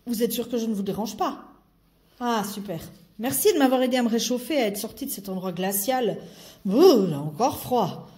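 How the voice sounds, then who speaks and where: A woman's voice: on the high side, lively intonation, normal speed, long pauses, mellow, voice pushed down, lightly acted. A woman voicing Twisty, a cold-sensitive male creature in love, who shivers and stammers. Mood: shivering.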